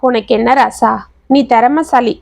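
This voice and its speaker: A woman voicing a gentle, affectionate old father. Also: a little high, a little slow, gravelly, no room sound. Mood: tender. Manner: soft and affectionate.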